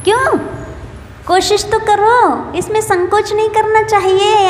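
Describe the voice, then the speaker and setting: A woman, a nun, patiently leading a scripture recitation class, correcting pronunciation and gently teasing her students. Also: very high-pitched. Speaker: Jain nun teaching scripture. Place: temple hall. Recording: echoey hall with long reverb, faint hiss.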